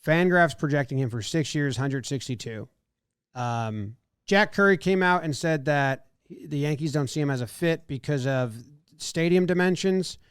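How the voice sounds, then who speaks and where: With a slightly high voice, lively intonation and normal speed, a man co-hosts a casual sports podcast. He rambles, second-guesses himself and acts out what went through his head. His smooth voice comes through studio-clean, without echo.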